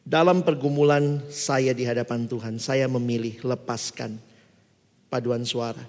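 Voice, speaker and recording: A middle-aged man preaching a sermon, telling stories with lively acted-out quotes. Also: mid-range voice, a little slow. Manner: storytelling, acts out quoted voices. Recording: long hall reverb.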